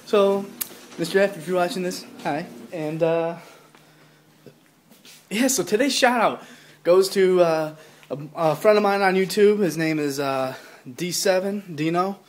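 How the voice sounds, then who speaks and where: A young man vlogs casually into his phone camera held at arm's length, rambling along with plenty of fillers and restarts. His voice sits high, and he talks in an unhurried way.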